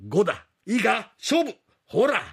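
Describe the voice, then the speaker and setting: A man performing classical rakugo, voicing a shrewd, commanding older gambling boss in rough street talk. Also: sits high, sing-song, a little slow, voice pushed up, heavily acted. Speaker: rakugo storyteller.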